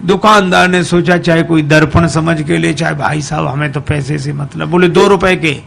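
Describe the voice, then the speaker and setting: A man's voice: a little high, fairly even intonation, moderate pace, creaky, fairly bright tone, a little hiss or hum. A man preaching a devotional sermon, telling a folk story folksily and breaking into sung verses.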